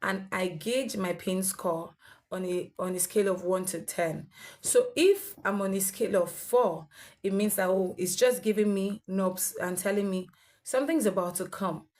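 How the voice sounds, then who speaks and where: A young woman who is a health vlogger with sickle cell gives earnest, instructive advice to her viewers in a monologue to camera, using fillers and restarts. Her medium-pitched voice is a little mellow and moves at normal speed.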